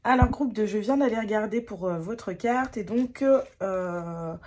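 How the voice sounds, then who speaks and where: A woman's voice: medium pitch, a little slow, a little mellow, slight background noise. A woman giving a casual tarot card reading to her viewers, talking hesitantly with many fillers and restarts and poking fun at herself.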